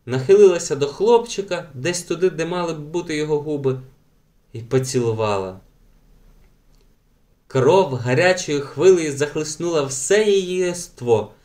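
A man narrating a children's story audiobook in a lively, expressive reading voice. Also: on the high side, normal speed.

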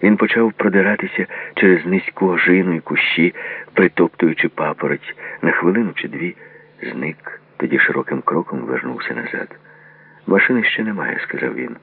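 A man narrating a novel aloud in a measured, literary reading. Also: low-pitched, vocal fry, no room sound. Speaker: audiobook reader. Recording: tinny phone-like lo-fi audio.

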